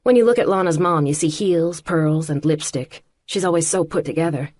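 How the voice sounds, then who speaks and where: A woman narrating an audiobook in the first person with a measured, quietly intimate reading. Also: low-pitched, no room sound, clean studio sound.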